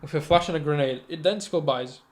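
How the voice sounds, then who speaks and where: A man casting a live esports match, giving quick play-by-play with chatty asides and self-corrections. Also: fairly high pitch, a little hiss or hum. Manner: rapid, self-correcting, chatty asides, sudden excited outbursts. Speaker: esports caster.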